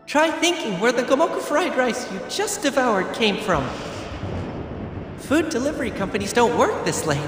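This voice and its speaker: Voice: medium pitch, big pitch swings, moderate pace, recorded from a distance, lightly acted. An actor playing a playful boyish devil who talks like a mock-polite call-center customer service manager in a video game. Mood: teasing. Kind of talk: game voice acting. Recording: very echoey hall reverb. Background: music.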